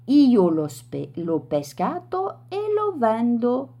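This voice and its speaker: A woman's voice: fairly high pitch, wildly swooping pitch, slow, mellow, pitched above the performer's own voice, exaggerated voice. A woman voicing a shrewd fisherman who haggles in a matter-of-fact way. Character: shrewd stubborn fisherman, man.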